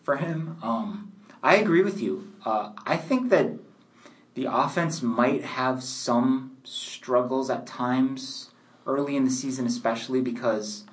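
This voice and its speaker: A man co-hosting a casual sports talk show, measured and analytical, leaning on "you know" fillers. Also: mid-range voice. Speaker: sports podcast co-host.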